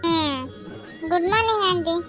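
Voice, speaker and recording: A woman's voice: very high voice, measured pace, music in the background. Woman voicing a polite cartoon girl guest. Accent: Tamil. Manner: polite and soothing. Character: polite young woman guest, sweet and agreeable.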